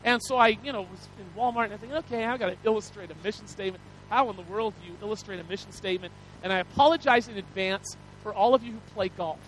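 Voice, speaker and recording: A man's voice: high-pitched, a bit bright, slight background noise, poor audio. A male pastor giving a folksy, rambling sermon, self-deprecating and full of restarts and asides to the congregation.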